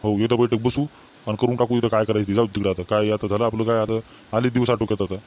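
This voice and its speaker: A man's voice: fairly low pitch, flat delivery, fast talker, darkish tone, lightly acted. A man playing a weary old Varhadi farmer. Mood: lamenting. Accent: Varhadi Marathi. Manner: lamenting, grumbling. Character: weary old farmer father, fed up with quarreling sons. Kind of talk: village comedy skit.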